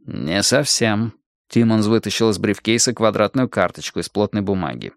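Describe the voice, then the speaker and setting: A man narrating an audiobook in a steady, measured storytelling manner. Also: on the low side, dry recording, studio quality. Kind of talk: scripted narration.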